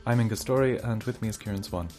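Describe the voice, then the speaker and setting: A man's voice: fairly low pitch, fast talker, warm tone, soft background music. A man reading a scripted introduction as a podcast host.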